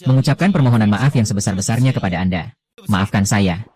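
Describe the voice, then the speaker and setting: A man's voice: fairly low pitch, fast talker, darkish tone, close to an everyday voice. A man voicing a groveling property manager. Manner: profusely apologetic, fawning. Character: groveling middle-aged male property manager, fawning. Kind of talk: dubbed drama acting.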